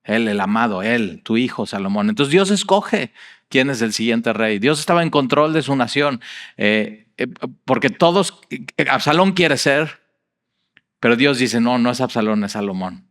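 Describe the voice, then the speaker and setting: Mexican pastor preaching conversationally. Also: male voice, mid-range voice, measured pace. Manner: conversational, animated storytelling with many fillers. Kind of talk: sermon.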